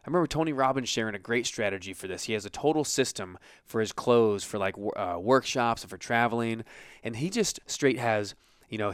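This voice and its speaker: A man's voice: medium pitch, smooth, dry recording, studio quality. An American man giving an informal motivational talk as a coach, conversational and emphatic, voicing imagined self-talk, recorded in a basement office. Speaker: self-help coach and show host.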